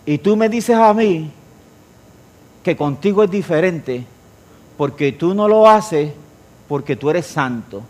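Middle-aged male preacher, high voice, playful with his flock, swings between loud and hushed. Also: lively intonation, takes it slowly, pauses often. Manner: jokes with the congregation, shifts between loud and quiet. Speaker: pastor. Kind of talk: sermon.

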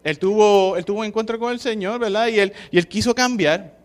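Man, Puerto Rican accent, high voice, casual preaching, keeps checking in with the listeners. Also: a little fast. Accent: Puerto Rican Spanish. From Puerto Rico. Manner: conversational, keeps asking the listeners "¿verdad?". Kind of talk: informal sermon with a story.

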